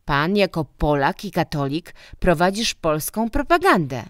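A woman's voice: fairly low pitch, very animated, a little slow, no room sound, studio quality. A woman reading a story voices a stern, mocking middle-aged man, a school director who scolds and lectures. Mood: scornful.

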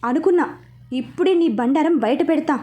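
A scheming middle-aged uncle voiced by a woman narrator sneers and taunts in this read-aloud story. The voice stays high and light, with a mocking edge on each line. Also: moderate pace, mellow, natural voice. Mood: taunting. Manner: taunting, sarcastic. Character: scheming middle-aged man, sarcastic father-in-law.

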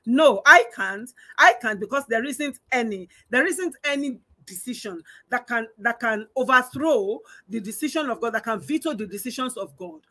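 A woman's voice: a little high, animated, normal speed, hardly any pauses, pushed and bright. A woman preaching a sermon, emphatic and repeating phrases for emphasis. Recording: online church stream.

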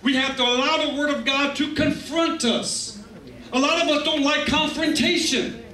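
Preaching in a conversational, emphatic manner, this middle-aged pastor uses an extremely high-pitched voice with a steady, sharp tone at normal speed, adding asides to the congregation. He is on a church stage with a handheld mic in a medium indoor hall, captured by a far-back camera in an echoey room.

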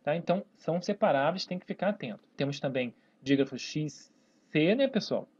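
Speaking a little fast in a husky, slightly mellow mid-range voice with lively intonation, a Portuguese teacher with a Brazilian accent leads a whiteboard grammar lesson. Words get drawn out syllable by syllable, punctuated by "né?" and "tá, pessoal?". It's a dull lo-fi recording.

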